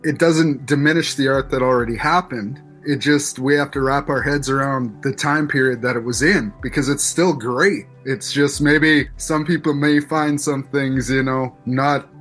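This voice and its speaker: A man's voice: medium pitch, steady tone, normal speed, hardly any pauses, fairly bright tone, soft background music. A man in his forties from Canada, a musician talking thoughtfully about his late father in an interview. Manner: reflective, thoughtful, with restarts. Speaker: musician guest. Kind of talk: interview conversation.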